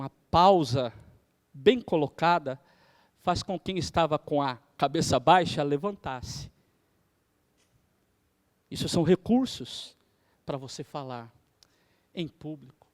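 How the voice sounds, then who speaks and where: A man, a theology professor lecturing on preaching, shifting his pace and loudness for emphasis. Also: fairly high pitch. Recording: hall reverb.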